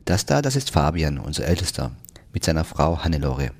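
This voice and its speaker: A chuckling, eager-to-please older man, a proud grandfather bursting to show off his family, as a male reader puts him on. The voice is deep and gravelly with a husky edge. Storybook reading with a giggle always close. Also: very animated, brisk, full character voice. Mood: jovial.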